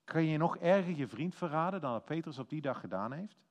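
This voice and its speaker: A man giving a lively, informal sermon, telling a story with acted-out quotes and quick self-corrections. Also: a little high. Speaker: preacher.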